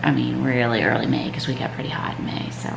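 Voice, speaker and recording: In this casual morning vlog from home, a congested woman who is a mom and triathlete rambles on, filling her talk with "um" and "like." She has a bass voice, speaks quickly in a level tone, and the recording is reverberant and noisy, with clear music under her voice.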